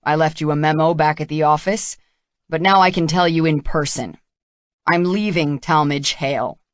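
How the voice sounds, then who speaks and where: A woman voicing an intense, determined man in love, speaking forcefully and insistently. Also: deep voice, moderate pace, no room sound, clean studio sound, close to an everyday voice.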